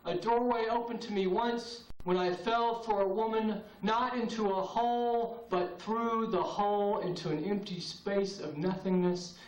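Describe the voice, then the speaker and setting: A male spoken-word poet with a high voice performs at an open mic night in a cafe, reading slowly, solemnly and incantatorily with long pauses. His intonation stays fairly even. The roomy, distant VHS tape catches him from across the room.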